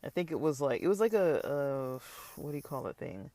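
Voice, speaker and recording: A man's voice: mid-range voice, big pitch swings, moderate pace, warm tone, no echo. A tired man rambling casually through a vlog update about his online store, with lots of fillers and restarts. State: tired, yawning. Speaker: online seller vlogger.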